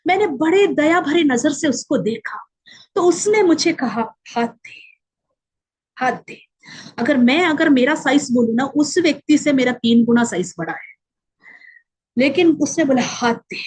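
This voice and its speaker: A woman with a high voice recounts a personal faith testimony in Hindi, weaving in English words. Her telling is emotional, and she acts out the voices of the people she quotes. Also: lively intonation, moderate pace, a little mellow, low-quality recording. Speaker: testimony speaker.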